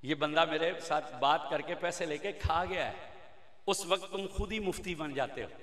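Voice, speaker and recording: A man preaching an emotional religious sermon, chanting refrains and building to impassioned shouting. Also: fairly high pitch, moderate pace. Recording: echoey hall reverb.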